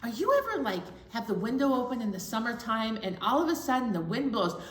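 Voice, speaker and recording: A woman with a Minnesota accent, a children's librarian reading aloud at an online storytime in a playful, animated way. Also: a little high, a little fast. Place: library room. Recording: echoey room.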